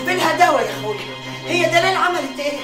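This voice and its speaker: A woman's voice: very high voice, lively intonation, very fast, music in the background. An actress playing an Egyptian woman relative who pleads with her brother and wails for help. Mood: pleading. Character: older woman relative, sister of the father, fretful. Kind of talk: TV drama acting. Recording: drama audio with score and crowd.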